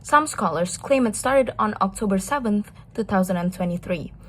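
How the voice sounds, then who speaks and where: A woman hosting an interview, reading a prepared introduction in a measured, formal way. Her voice is a little husky, at a middle pitch. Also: expressive. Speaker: interviewer, host. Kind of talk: scripted introduction and interview questions.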